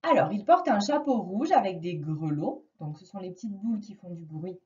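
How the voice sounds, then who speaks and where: A woman teaching a reading lesson to a young child, slowly and patiently stressing each sound. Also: medium pitch, animated, mellow, distant mic, muffled recording. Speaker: primary school teacher.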